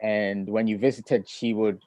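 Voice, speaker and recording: A middle-aged man who grew up in Ghana, a poet, reading his poems and talking about family in a measured, reflective way over a video call. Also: fairly low pitch, level tone, warm tone, no echo. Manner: measured and reflective, with thoughtful pauses. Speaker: poet and author. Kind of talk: poetry reading and relaxed conversation.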